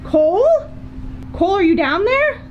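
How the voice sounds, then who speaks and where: A middle-aged woman talks into a handheld camera held close, her voice bright and high, forever exclaiming in puzzled disbelief. Noticeable background noise runs under her voice. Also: animated, unhurried, highs cut off. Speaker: family vlogger. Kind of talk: scripted spooky family vlog. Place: backyard garden, then a dim basement.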